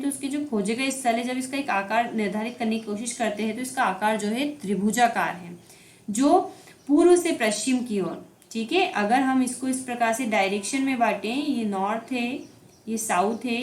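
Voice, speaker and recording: Woman teaching in an echoey room. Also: on the high side. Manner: explanatory, repeats "ठीक है" to check understanding. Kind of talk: exam-prep history lecture.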